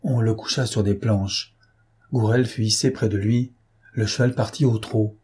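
A man narrates a novel in a steady, dramatic reading. His voice is low and husky. The tone is dark and mellow. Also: moderate pace. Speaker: audiobook narrator. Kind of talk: scripted narration.

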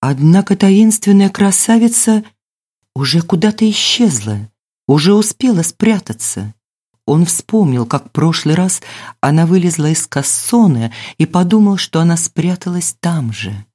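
A woman narrating a storybook tale in a measured, expressive reading. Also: on the low side, husky. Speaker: audiobook narrator.

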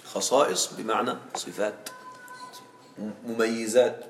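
A man's voice: lowish voice, fairly even intonation, measured pace, gravelly. Patient male Arabic grammar teacher. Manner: explains patiently, often checks with "تمام؟". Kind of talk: classroom grammar lesson. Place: classroom. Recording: echoey classroom, faint background noise.

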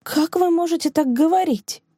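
A fiery young woman from a storybook, put on by a female audiobook narrator, sharp and bitter in her outbursts. Her voice sits well above the reader's usual pitch, with a mellow, dark tone and a dry, close sound. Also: lively intonation, moderate pace, slightly rough, dry recording. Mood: bitter, indignant. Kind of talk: audiobook dialogue reading.

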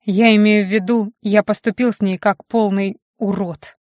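A woman reading the lines of a gruff, desperate adult male hunter in an audiobook. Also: medium pitch, steady tone, moderate pace, a little mellow, dry recording, clean studio sound, close to an everyday voice. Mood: pleading.

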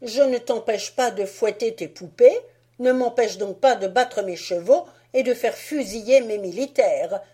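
A woman voicing a bossy, boastful young boy in a storybook, loud and swaggering. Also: on the high side, measured pace, breathy edge, voice pushed up.

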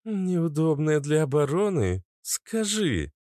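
A man voicing a confident young woman who leads the group and calms a giant, in an audiobook reading. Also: fairly high pitch, dry recording, clean studio sound, pitched above the performer's own voice. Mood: brisk. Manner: brisk, reassuring.

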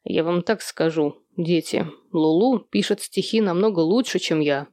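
A lower-voiced, booming father full of mock drama, played by a woman reader, who declaims and teases with slow, relishing delivery. The sound is dry and close. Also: mellow, no room sound, close to an everyday voice. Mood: teasing. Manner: booming, mocking, theatrical declaiming. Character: jovial teasing father, middle-aged man.

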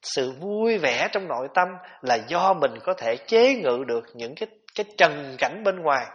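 A man giving a gentle, conversational Buddhist dharma talk, with rhetorical questions for his listeners. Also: on the high side, lively intonation, moderate pace. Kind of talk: sermon. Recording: dull lo-fi tape recording.

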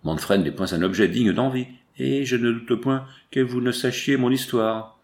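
A man's voice: mid-range voice, moderate pace, a little mellow, lightly acted. A man reading the lines of a proud, grieving medieval prince in an audiobook, in a declamatory, pleading manner. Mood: mournful.

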